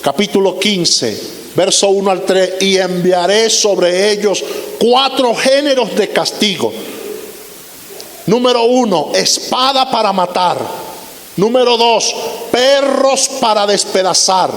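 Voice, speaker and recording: A man's voice: high-pitched, slow pace. A man in his fifties, a pastor, preaching a sermon with emphatic repeated lists. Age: 50s. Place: church sanctuary. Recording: roomy hall reverb with faint hiss.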